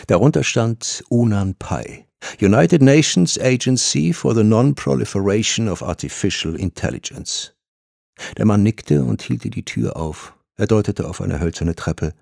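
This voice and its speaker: A man reading an audiobook as narrator, telling the story in a steady, measured way. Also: fairly low pitch, gravelly, no echo, clean studio sound.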